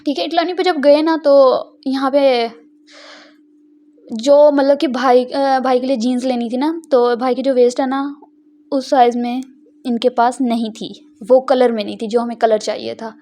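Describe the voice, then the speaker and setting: A woman's voice: high voice, steady tone, normal speed, mellow. A young woman, rambling and giggling as she tells a casual vlog story. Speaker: vlogger. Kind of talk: casual chatty vlog narration.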